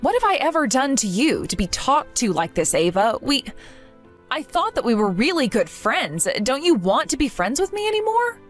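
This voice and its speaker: A woman's voice: sits high, very animated, normal speed, faint music behind. Woman playing an earnest, hurt young woman.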